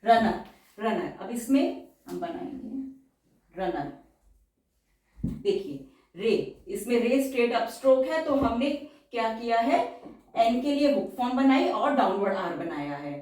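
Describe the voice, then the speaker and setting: A woman teaches shorthand in an unhurried, deliberate way, repeating each example word several times. Her voice sits a bit high and sounds distant from the mic, with a strong echo from the room around her. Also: lively intonation, mellow. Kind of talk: explanatory lesson. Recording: very echoey room, voice far from the mic.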